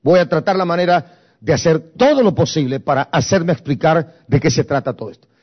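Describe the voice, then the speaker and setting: A man's voice: on the high side, animated, brisk, dull audio. A man preaching a sermon, emphatic and repetitive, slipping into English phrases.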